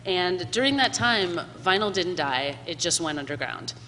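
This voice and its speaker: A woman's voice: lowish voice, animated, normal speed, bright, forceful tone. A woman in her thirties from Miami, hosting and moderating a live panel in a friendly, explanatory way. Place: museum event hall before an audience. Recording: live hall reverb, faint room noise.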